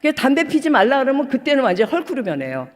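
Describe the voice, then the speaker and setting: A woman pastor in her sixties giving an animated testimony sermon, acting out the voices in her story and rising to emotional outbursts. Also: sits high, racing. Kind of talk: testimony sermon at a prayer retreat. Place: prayer retreat hall. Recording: long reverb of a large hall.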